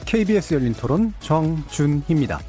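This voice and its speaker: A man's voice: a little high, expressive, brisk, over music. A man hosting a public radio talk show, reading scripted introductions in a formal, articulate presenter's manner.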